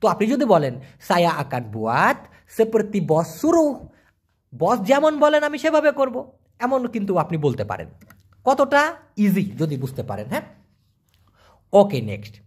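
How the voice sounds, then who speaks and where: A man giving an online language lesson, answering viewer questions and slowly repeating foreign words for pronunciation. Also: sits high, big pitch swings, husky. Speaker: language teacher.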